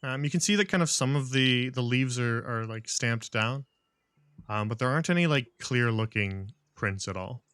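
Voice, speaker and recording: Male game master, smooth clear voice, dry sound, halting off-the-cuff fantasy narration. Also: mid-range voice, lively intonation, fairly bright tone, no echo. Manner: halting, casual improvised narration.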